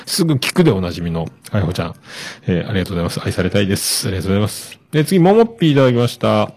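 A man hosting a podcast, chatting casually as he reads out listener messages with many relaxed fillers. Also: on the low side, rapid-fire. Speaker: podcast host.

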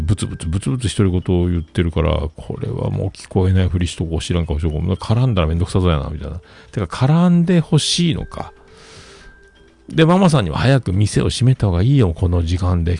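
A man's voice: deep voice, gravelly, dark tone. A man telling a rambling story in casual chat, with many fillers and asides.

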